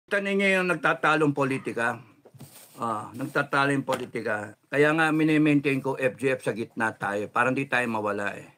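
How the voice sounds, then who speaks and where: A middle-aged Filipino political commentator launches into a heated rant laced with cursing, swinging from shouts down to low, controlled muttering. He speaks briskly.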